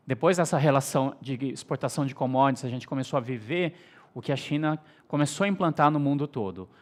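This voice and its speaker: A man from Brazil giving a measured, explanatory business presentation as a guest speaker. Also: medium pitch. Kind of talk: stage presentation.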